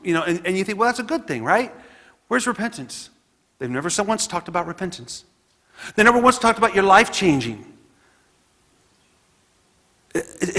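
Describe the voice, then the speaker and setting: Earnest high-voiced man preaching in a hall. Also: bright, forceful tone. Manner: earnest, conversational preaching with frequent restarts. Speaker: pastor. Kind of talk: sermon. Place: church sanctuary.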